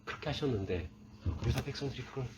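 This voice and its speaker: This mid-range male voice talks fast against background noise while preaching as a pastor. He asks questions and supplies the answers himself, and his scripture reading comes out raised and forceful.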